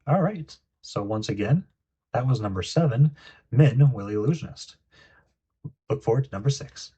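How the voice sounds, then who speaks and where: A man's voice: medium pitch, lively intonation, moderate pace, dark tone, slightly rough, muffled recording. A young man hosting a casual card game review, reading card text aloud between frequent ums and uhs. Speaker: card game video host.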